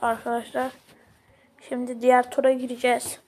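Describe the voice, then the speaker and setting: A young woman commentating her own mobile game play, excitable and slangy, often yelling at the characters on screen. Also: fairly high pitch, normal speed, poor audio. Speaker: gaming channel host.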